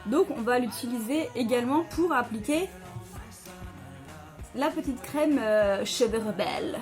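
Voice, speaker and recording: A woman's voice: a little high, expressive, unhurried, over music. A woman chatting casually at home as she reviews hair products, with many fillers and restarts. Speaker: beauty vlogger.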